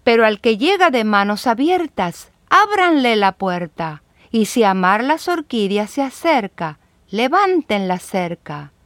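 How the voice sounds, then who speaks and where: A woman reading children's poems aloud in a measured, rhythmic recitation. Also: fairly high pitch, sing-song, a bit bright, dry recording. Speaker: reader.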